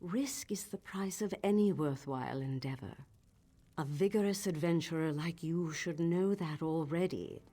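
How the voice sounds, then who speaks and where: An actress playing a proud, determined old sorceress in a fantasy video game, haughty, commanding and theatrical. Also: female voice, low voice, moderate pace, dark tone, husky. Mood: proud, dismissive.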